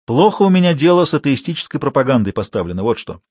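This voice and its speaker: A man's voice: mid-range voice, sing-song, fast, a little mellow, dry recording, pitched above the performer's own voice. A man voicing a young village club manager who teases and mocks an old watchman. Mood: mocking. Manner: ironic, teasing.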